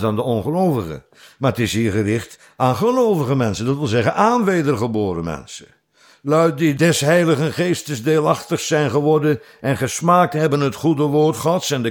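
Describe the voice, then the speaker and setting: A middle-aged man preaching, reading scripture slowly and with stress, then explaining it in plain talk. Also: medium pitch. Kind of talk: Bible teaching sermon.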